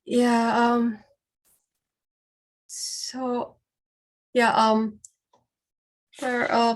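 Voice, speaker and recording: A woman presenter answers a question in an academic panel discussion. She speaks extremely slowly at a mid pitch. She halts often, with long pauses and fillers between her words. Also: low-quality recording.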